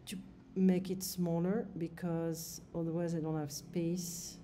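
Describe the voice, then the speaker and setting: A woman tutor walks her student through a recorded lesson recap. She explains each point in French, then says it again in English. Her voice is dark and mellow, a little lower than most, and she talks at a very slow, patient pace. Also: level tone, a little hiss or hum.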